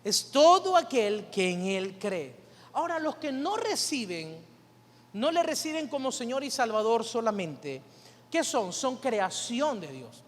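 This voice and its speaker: A man's voice: extremely high pitch, sing-song, unhurried. A male pastor preaching a sermon, asking the congregation rhetorical questions and calling for their responses. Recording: long reverb of a church hall.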